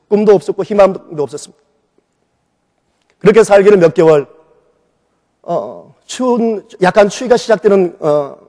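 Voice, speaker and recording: A middle-aged man preaching a sermon as a pastor, telling his own testimony in an animated way and acting out the voices in it. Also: sits high. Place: church sanctuary. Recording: long reverb of a church hall.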